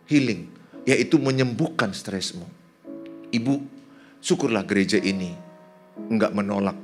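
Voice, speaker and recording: A man from Indonesia, a pastor, preaching a sermon and joking with the congregation. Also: mid-range voice.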